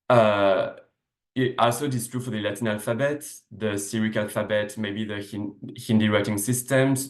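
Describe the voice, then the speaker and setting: A man with a fairly low-pitched voice lectures indoors in an echoey room during a video call, giving a seminar talk as a researcher. His first language is French, and he presents an academic lecture over slides, explaining things with frequent "uh" fillers and self-corrections.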